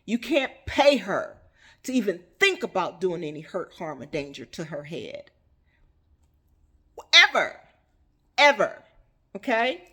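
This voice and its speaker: A woman's voice: on the low side, sing-song, moderate pace, a bit bright, husky. A woman teaching a Bible passage in a casual, preachy way, asking rhetorical questions. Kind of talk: casual Bible study talk.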